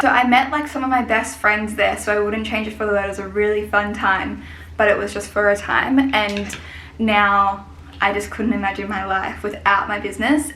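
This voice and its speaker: A woman's voice: medium pitch, a bit bright. Chatty young woman in an echoey room. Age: 20s. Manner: chatty and rambling. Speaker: hairdresser and salon owner. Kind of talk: casual vlog chat. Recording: echoey room with faint hiss.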